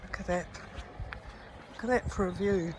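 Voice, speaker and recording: On a hilly stretch of rural road, a woman from New Zealand with a voice on the low side chats casually to the camera she's holding. She's slightly breathless, unhurried and admiring, and the outdoor recording picks up ambient noise.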